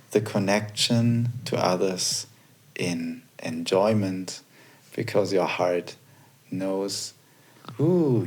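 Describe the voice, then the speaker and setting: A man speaks very slowly, with pauses between his phrases. His lowish voice is gentle and affirming, and his manner is thoughtful. He is talking on a podcast recorded in a treatment room. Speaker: podcast co-host or guest. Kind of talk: casual podcast chat.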